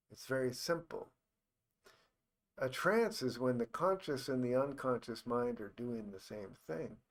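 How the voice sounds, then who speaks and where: A man giving an informal, reflective explanatory talk as a teacher, in halting phrases with repeated words. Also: mid-range voice. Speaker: hypnosis teacher.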